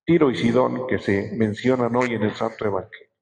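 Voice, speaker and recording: A man, a bishop giving a Sunday sermon, preaching slowly and emphatically and stretching out his words. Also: mid-range voice, vocal fry, darkish tone. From Mexico. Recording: echoey church hall.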